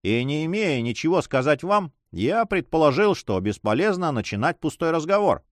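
A man voicing a haughty, cold and impatient male nobleman in an audiobook reading, pitched higher than his narration. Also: very animated, normal speed, dry recording, clean studio sound.

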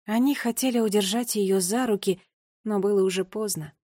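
A woman narrating a children's fantasy story in a lively, dramatic reading. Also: medium pitch, normal speed, dry recording, clean studio sound. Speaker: audiobook reader. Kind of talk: scripted narration.

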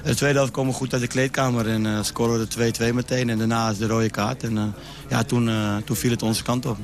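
A man's voice: mid-range voice, level tone, fast talker. A man giving a hesitant post-match interview about his team.

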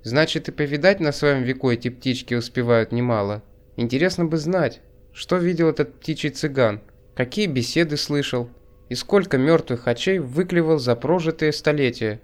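A man narrating an audiobook in a measured, wry literary reading, also speaking as the first-person hero. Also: fairly high pitch. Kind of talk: scripted narration.

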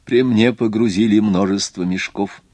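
A male reader voicing a jittery, touchy watchmaker in a storybook stagecoach, his voice lifting with nerves and wounded pride. He speaks in a lower man's voice, pushed upward when he frets. The recording is close and dry. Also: fairly even intonation, normal speed, darkish tone, no room sound, lightly acted. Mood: anxious. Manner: anxious, easily offended. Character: anxious fussy Swiss watchmaker, middle-aged man.

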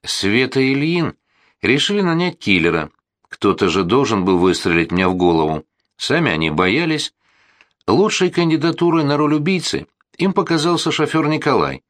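A man voicing a balding husband who calmly explains a staged death in an audiobook. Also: mid-range voice, normal speed, no echo, clean studio sound, voice pushed up. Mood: explaining.

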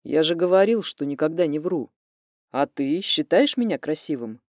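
A woman voicing a calm, blunt young man who speaks in a level, understated way. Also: sits low, moderate pace, dry recording, clean studio sound, pitched below the performer's own voice. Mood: calm teasing. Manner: level, even, understated delivery.

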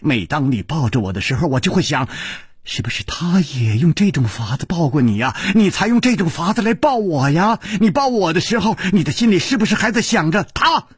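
A teasing young woman who needles her lover with sly, coaxing murmurs, slipping into hushed breathy whispers. A man puts her on while reading the story, his husky voice swinging widely up and down in a dry, close sound. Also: on the low side, huge pitch swings, takes it slowly, pauses often, no room sound, pitched below the performer's own voice, exaggerated voice. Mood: taunting. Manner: taunting, coy, breathy murmurs.

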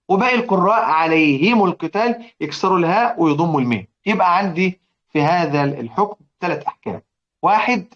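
A quick-speaking man with an Egyptian accent teaches Quran recitation in a classroom lecture. He repeats each example and keeps asking his listeners questions. His voice sits a little high, on a dull, lo-fi recording. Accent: Egyptian Arabic.

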